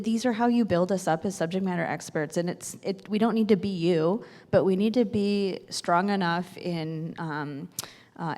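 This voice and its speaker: A woman's voice: on the low side, a little mellow. A woman city councillor speaking earnestly on a conference panel, addressing the audience directly. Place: conference hall. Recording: reverberant conference hall.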